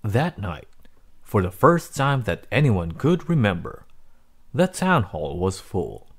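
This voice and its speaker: A man reading a children's storybook aloud as narrator, in an expressive, dramatic way. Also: lowish voice, takes it slowly, slightly rough. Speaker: read-aloud host.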